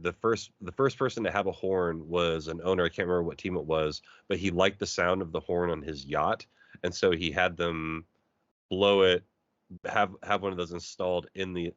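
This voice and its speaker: A man's voice: low voice, normal speed, dry recording. A man co-hosting a podcast in casual chat, telling stories animatedly and acting out the people he quotes. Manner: animated storyteller who acts out quoted voices. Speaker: podcast co-host. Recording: dry, slightly muffled sound.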